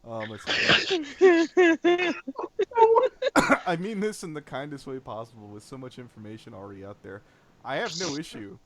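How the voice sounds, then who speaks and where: A man's voice: mid-range voice, sing-song, moderate pace, pauses often, a bit bright. A man hosting a casual podcast chat, reading messages aloud with frequent laughs and mocking asides. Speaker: podcast host.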